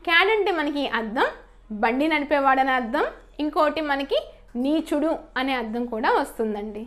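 A woman teaching English spellings step by step, spelling out letters and then saying each word loudly and drawn out, asking questions and answering them herself. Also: high-pitched, animated, moderate pace. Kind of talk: slow step-by-step spelling lesson.

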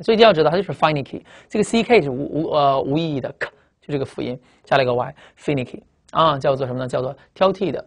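A teacher giving a classroom vocabulary lecture at a board, emphatic, asking rhetorical questions and spelling words out letter by letter. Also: mid-range voice. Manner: spells out letters and drags out target words slowly.

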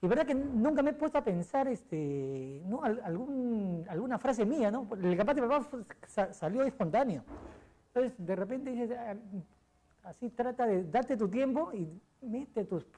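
Peruvian columnist, middle-aged man, rambling anecdotes with fillers, soft warm tone. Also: very high-pitched, animated, unhurried. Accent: Peruvian Spanish. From Peru. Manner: rambling storyteller, many fillers and restarts. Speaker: guest, sports columnist. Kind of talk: casual interview chat.

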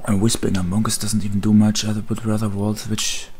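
A man's voice: on the low side, little pitch movement, fairly quick, music in the background. A man hosting, chatting casually with friends on a call while watching a competitive match.

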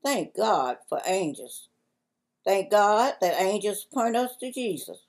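An older woman with a Southern US accent, slowly and carefully reading a church devotion in a library on a lapel mic. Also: mid-range voice, very animated, a little mellow, poor audio. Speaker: devotion reader.

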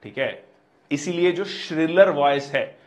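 Higher-pitched male physics teacher. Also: expressive, unhurried. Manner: explains step by step, repeats key terms, frequent "theek hai" checks. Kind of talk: exam-prep lecture.

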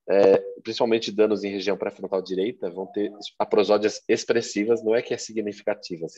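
A man, explaining exam questions in a lively discussion with examples and asides. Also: fairly low pitch, highs cut off. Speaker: exam prep instructor.

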